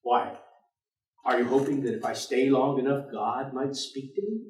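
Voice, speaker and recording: On a theatre stage, an actor gives a staged dramatic reading as a bleak, world-weary professor, formal, articulate and fatalistic. His mid-range voice is steady, a little mellow and lightly acted at normal speed, sounding weary yet polite. The distant microphone picks up the theatre's echo.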